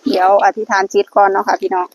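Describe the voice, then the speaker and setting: A woman's voice: mid-range voice, flat delivery, racing. A woman with an Isan accent giving blessings and luck advice to her viewers at a temple, earnestly addressing them as brothers and sisters. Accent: Isan (Northeastern Thai). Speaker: vlogger guiding lottery luck prayers. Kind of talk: casual blessing-filled vlog talk. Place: temple grounds. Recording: dull lo-fi recording with faint noise.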